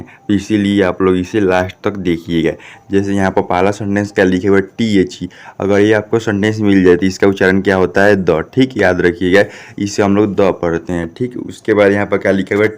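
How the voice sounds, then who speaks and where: A man's voice: sits low, a little mellow. A man, teaching a classroom English lesson, who spells out words and keeps checking with "ठीक?". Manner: repeats "ठीक?" often, asks and answers his own questions.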